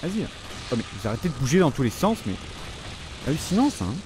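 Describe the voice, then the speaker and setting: A man's voice: mid-range voice, very animated, quick pace, noisy background. Chatty man swearing through gameplay commentary. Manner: chatty, swears often, talks to the enemies on screen. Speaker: gaming channel host.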